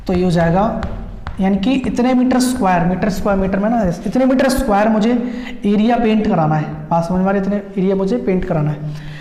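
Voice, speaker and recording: Maths teacher in an echoey room. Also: male voice, high-pitched, dark tone. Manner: repetitive step-by-step explaining, frequent check-ins. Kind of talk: exam-prep maths lesson. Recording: echoey room with long reverb.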